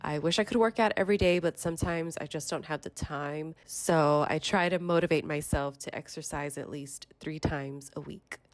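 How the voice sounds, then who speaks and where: A woman's voice: low-pitched, moderate pace, hardly any pauses. A woman in her thirties with a stuffy, congested voice, chatting casually in a vlog voiceover. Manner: chatty, rambling storytelling. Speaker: vlogger.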